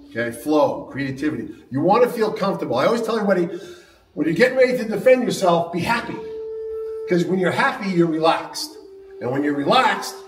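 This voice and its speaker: High-voiced man teaching martial arts. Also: recorded from a distance. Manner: frequent "all right?" and "okay?" checks to the class; jokey, upbeat and encouraging. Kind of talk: seminar teaching with demonstration. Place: large training hall. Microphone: camera mic from a distance. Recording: echoey hall recorded from afar.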